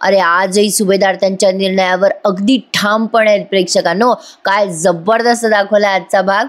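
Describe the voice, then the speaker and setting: A woman doing an excited, dramatic voice-over recap of a TV serial, speaking directly to viewers. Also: mid-range voice, normal speed. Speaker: TV serial reviewer.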